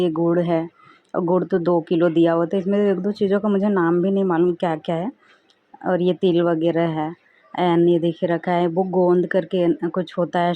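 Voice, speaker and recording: A young woman talks through her day in a relaxed, chatty voice-over. Her delivery stays fairly level and low-set, and the recording sounds dull and lo-fi. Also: dry recording. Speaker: vlogger. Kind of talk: casual vlog voice-over.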